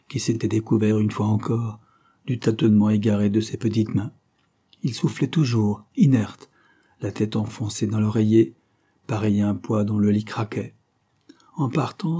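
A man narrating a classic novel as an audiobook in a measured, grave reading. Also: lowish voice, fairly even intonation, warm tone, breathy edge.

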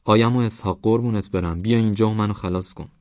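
A man's voice: fairly low pitch, a little mellow, dry recording, lo-fi sound, close to an everyday voice. A man voicing a desperate village mother who wails and pleads in a raised voice. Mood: pleading.

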